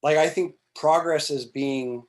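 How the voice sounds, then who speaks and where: This congressional candidate guest, a man in his forties, has a slightly high voice with fairly even intonation and an unhurried pace. He chats casually over a webcam video call from a small plain-walled indoor room, rambling with frequent restarts, fillers and casual swearing.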